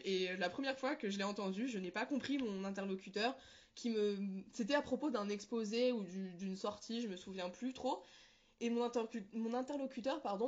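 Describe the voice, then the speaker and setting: The woman from New Caledonia speaks at a medium pitch, and the highs are cut off in the audio. She answers interview questions casually about her personal experience, often searching for words and revising what she has just said.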